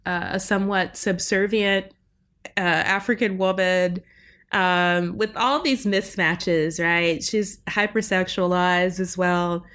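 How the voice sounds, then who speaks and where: Speaking with a mid-range, somewhat bright voice, a female linguistics professor reflects academically as a guest on a podcast. It's interview-style academic talk, peppered with frequent "right?" check-ins.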